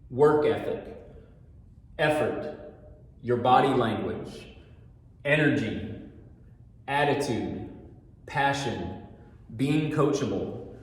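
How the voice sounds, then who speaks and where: Earnest middle-aged man in an echoey room. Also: medium pitch. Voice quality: fairly monotone, steady and earnest. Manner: talks through a mask, patient and repetitive. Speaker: restaurant manager giving staff orientation. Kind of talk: training talk. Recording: very echoey room with long reverb.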